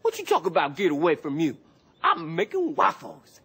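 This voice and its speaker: A man's voice: a little high, wildly swooping pitch, moderate pace, pushed and bright, breathy edge, full character voice. An actor playing a bumbling young Italian man in a comedy film, with a hammy fake Italian accent. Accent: put-on Italian. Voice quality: bad exaggerated accent. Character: goofy male Italian restaurant son, bumbling.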